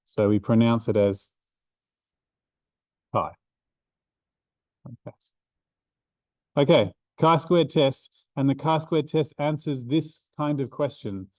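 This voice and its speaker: A man's voice: mid-range voice, a little slow, a little mellow, no echo. A man giving a revision seminar to statistics students, talking casually with many ums and restarts. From Australia. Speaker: maths tutor. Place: university classroom.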